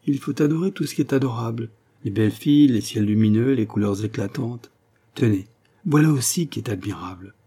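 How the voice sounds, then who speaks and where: A man voicing a lively, carefree young poet who talks with enthusiasm. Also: mid-range voice, fairly quick, husky, lightly acted. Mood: enthusiastic. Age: young adult. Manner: enthusiastic, raised voice.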